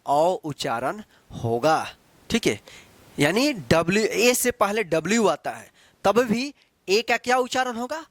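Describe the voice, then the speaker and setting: A high-voiced man from Bihar, India, teaches English pronunciation in a classroom-style spelling lesson, his delivery sing-song and repetitive. He asks questions and answers them himself, spelling words slowly letter by letter. There's no echo.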